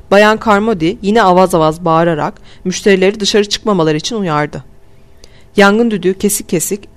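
A man calmly narrating a first-person audiobook in a measured storytelling voice. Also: high voice. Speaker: audiobook reader.

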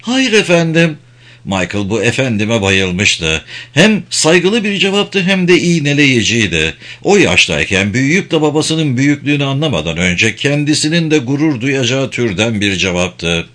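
Man, audiobook narration, animated pitch, scripted reading. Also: moderate pace, few pauses.

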